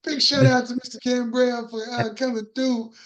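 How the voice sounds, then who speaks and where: A woman's voice: a little high, flat delivery, moderate pace. A woman hosting in a casual, slangy, folksy and jocular way. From Texas. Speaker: workshop host. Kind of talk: casual chat.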